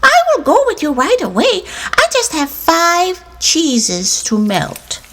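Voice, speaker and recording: A woman voicing a cheerful old grandmother beetle in a storybook trickster tale, with a thin, squeaky, sing-song voice. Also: huge pitch swings, takes it slowly, fairly bright tone, slight background noise, heavily acted. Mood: cheerful stalling.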